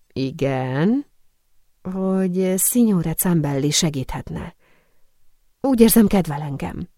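Lady reading as earnest young perfume-maker, low mellow voice, dry close sound. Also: no echo. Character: young 18th-century perfumer woman, earnest and cautious.

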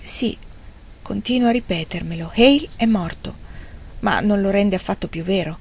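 A woman reading the lines of a wry, grieving old gentleman in an audiobook, with a rambling, self-mocking manner. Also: mid-range voice, moderate pace, husky.

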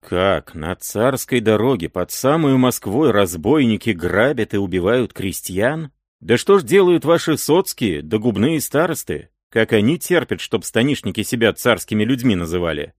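A man's voice: on the low side, big pitch swings, normal speed, dry recording, clean studio sound. A man voicing an indignant noble prince. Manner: indignant, brooding.

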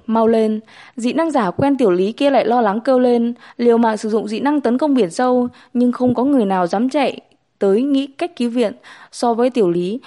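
Female audiobook narrator, steady storyteller, fairly high, mellow voice. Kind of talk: novel narration.

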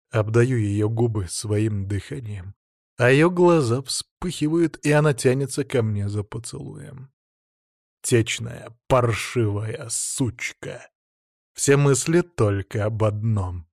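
A man reading first-person audiobook narration in a calm, measured, menacing manner. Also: mid-range voice, no echo, clean studio sound.

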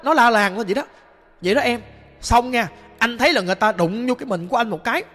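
A man's voice: extremely high pitch, lively intonation, quick pace, fairly bright tone, exaggerated voice. A man with a Southern Vietnamese accent voicing the sorrowful ghost of a young man, recounting in a plain, rambling way with many restarts. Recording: long reverb with music behind.

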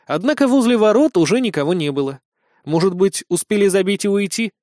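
A man narrating an audiobook in a lively, expressive storytelling manner. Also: high voice, fairly quick, no echo, clean studio sound.

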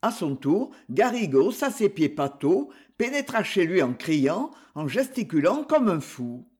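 A man narrates a classic novel in a measured, expressive way. His voice sits high and swings widely in pitch. He reads slowly and takes his time over every phrase. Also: slightly rough. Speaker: audiobook reader. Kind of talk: literary narration.

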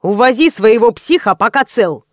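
A coarse, hot-tempered young security guard, read by a woman narrator, snapping insults in a fairly high voice with a close, dry sound. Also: expressive, normal speed, no room sound, natural voice. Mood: furious. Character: rude angry young male security guard.

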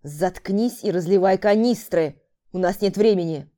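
A woman's voice: medium pitch, lively intonation, moderate pace, dark tone, close to an everyday voice. A woman voicing a brutal male killer in an audiobook, harsh and barking insults at his sister. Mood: angry. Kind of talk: audiobook character voice.

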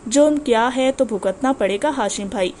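A woman's voice: on the high side, darkish tone, a little hiss or hum, natural voice. A woman voicing a defiant, indignant young man in an audiobook, speaking firmly and heatedly.

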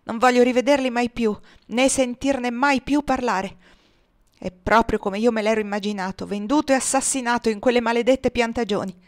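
A woman voicing a talkative aging house cook, devoted and emotional, in a lively exclaiming way. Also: fairly high pitch, moderate pace, close to an everyday voice. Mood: grieving.

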